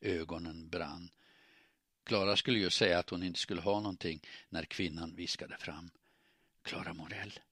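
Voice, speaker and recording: A man reading an audiobook aloud in steady, measured narration. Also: low voice, no room sound, studio quality.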